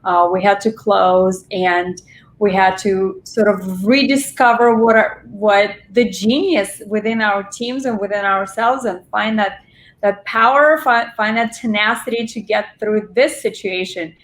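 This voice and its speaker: A woman's voice: medium pitch, measured pace. A woman in her forties, originally from Russia, talking chattily as a restaurant owner guest in an interview. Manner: warm, chatty storytelling with laughs. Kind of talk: interview conversation. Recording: roomy echo.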